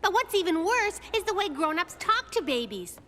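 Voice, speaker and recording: A woman voicing a spirited, mischievous little girl in a children's cartoon, with expressive, perky delivery. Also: very high-pitched, moderate pace, full character voice. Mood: wry storytelling. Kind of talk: animated children's cartoon acting.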